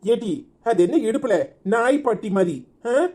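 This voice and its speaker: A woman's voice: a little high, lively intonation, a little slow, a little mellow. A woman voicing a sarcastic, grumbling village father in a cartoon, with a Tirunelveli accent. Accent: Tirunelveli Tamil.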